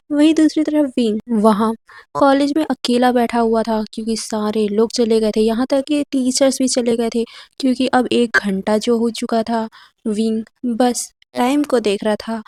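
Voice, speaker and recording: A woman's voice: a little high, warm tone, dry recording, studio quality. A woman narrating a fan fiction story in a casual, chatty way, sprinkling in English words. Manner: conversational, mixes in English words.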